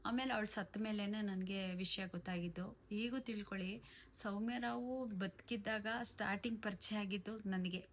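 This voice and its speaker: A woman telling a personal story of betrayal, aggrieved and emotional, with pauses and restarts. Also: medium pitch, steady tone, slight background noise. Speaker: vlogger. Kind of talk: personal testimony to camera.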